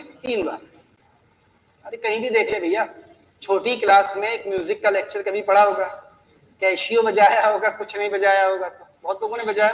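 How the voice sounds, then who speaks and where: A man with a high voice teaches a chemistry lesson in a classroom that rings with long reverb. He keeps it playful and keeps asking his students questions. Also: fairly bright tone. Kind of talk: classroom lecture.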